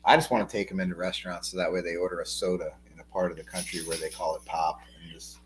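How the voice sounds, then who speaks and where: A man's voice: low-pitched, steady tone, fast, noisy background. A man with a New Jersey accent co-hosting a casual livestream, joking dryly and reading out viewer comments. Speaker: co-host.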